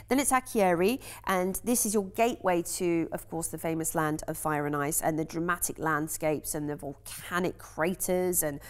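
A woman with an English accent presenting cruise deals on a shopping channel, chatty and enthusiastic with frequent ums. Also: lowish voice.

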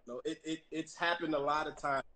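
A man being interviewed as a guest, answering in a laid-back, halting way with dry humor. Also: a little high, steady tone, sharp tone, slight background noise. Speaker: guest actor. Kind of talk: casual interview.

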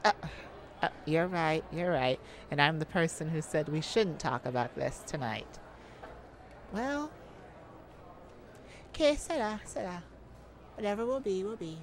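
In an ASMR audio roleplay with music behind her, a woman plays a playful lady thief who is shyly romantic. She teases and hesitates, breaking into soft laughs, speaking fairly low, expressively and a little slowly with frequent pauses. A little hiss or hum is audible.

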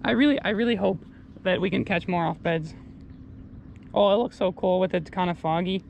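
A man's voice: high voice, fairly quick, gravelly, muffled recording, slight background noise. A young man chatting casually while fishing, informal and slangy, recorded outdoors on an action camera. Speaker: angler in a fishing vlog. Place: outdoors on a lakeside pier and rocky shore.

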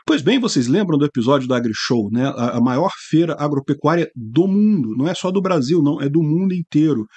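Husky, indignant Brazilian man commenting. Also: on the high side, lively intonation, a little fast, darkish tone, highs cut off. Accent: Brazilian Portuguese. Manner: indignant, sarcastic, frequent tag questions. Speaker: political commentator. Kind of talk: opinion vlog commentary.

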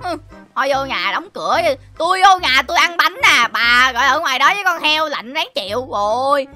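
A cheeky little boy hero whines, grumbles and boasts. His voice is high and piercingly bright in a cartoonish game role-play, with faint music behind. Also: expressive, a little fast, full character voice. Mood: grumbling. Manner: whiny, exclaiming, boastful.

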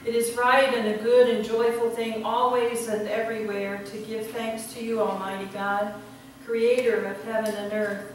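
A woman pastor leading prayer and the communion liturgy in a measured, formal way, her voice carrying the long echo of a large church sanctuary. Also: fairly high pitch, flat delivery. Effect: cathedral echo, heard from far off. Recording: echoey sanctuary from a distance, background noise.

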